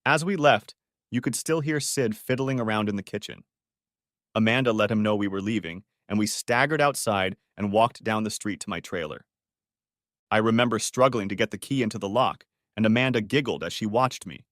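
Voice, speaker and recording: A man narrating a first-person family story in a steady, matter-of-fact way on a close mic. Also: fairly low pitch, moderate pace, dry recording.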